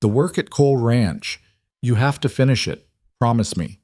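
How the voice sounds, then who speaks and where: A man voicing a weak, dying old father whose voice is raspy and faint. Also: medium pitch, moderate pace, darkish tone, dry recording, clean studio sound, close to an everyday voice. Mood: weak insistence.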